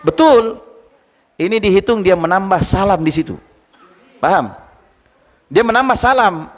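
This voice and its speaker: A male Islamic teacher giving a lively study lecture, quizzing his listeners and retelling anecdotes. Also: high voice, unhurried. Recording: long hall reverb.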